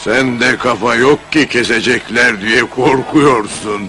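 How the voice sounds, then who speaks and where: A teasing, self-important sidekick in an old fairy-tale film. He drawls slowly and smugly at a medium pitch, with music behind. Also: bright, forceful tone. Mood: mocking.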